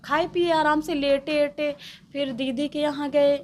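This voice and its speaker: A woman's voice: sits high, level tone, measured pace, slight background noise. A woman, interviewed and recounting a personal story in a rambling way, quoting what others said. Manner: rambling, quotes others' words.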